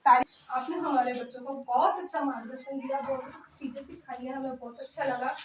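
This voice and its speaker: A woman's voice: sits high, fairly even intonation, fairly quick. A woman preschool teacher guides her young pupils and keeps praising and encouraging them. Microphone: far camera. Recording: echoey room, far from the mic, noisy.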